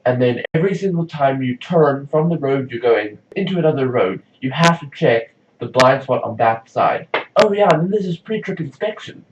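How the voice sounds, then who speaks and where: Chatty and rambling, a young South African vlogger keeps dropping "like" as he records his video diary. He speaks in a mid-range, expressive voice at normal speed with few pauses. The distant camera mic makes it sound roomy and lo-fi, with slight background noise.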